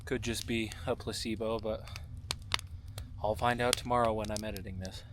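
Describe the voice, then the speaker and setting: A man talking casually to camera as a solo camping vlogger, in a relaxed, understated way. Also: lowish voice, normal speed. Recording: clear background noise, small clicks.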